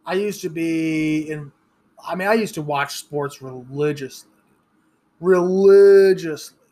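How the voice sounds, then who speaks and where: A man's voice: on the high side, slow pace, warm tone. A man in his thirties hosting a solo podcast, ranting bluntly and profanely with frequent restarts and stumbles. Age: 30s. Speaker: podcast host.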